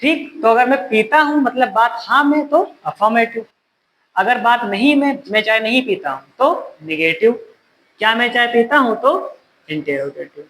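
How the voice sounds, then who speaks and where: A man teaching a grammar lesson to a class of students, often repeating his questions and gently scolding them. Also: very high voice, expressive, normal speed, a little hiss or hum, rough recording.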